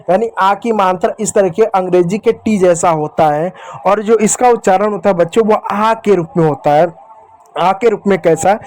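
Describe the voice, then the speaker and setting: Patient high-voiced man teaching Hindi letters. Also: darkish tone. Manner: patient, drills sounds slowly and repeats them, addresses viewers as children. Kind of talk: beginner Hindi reading lesson.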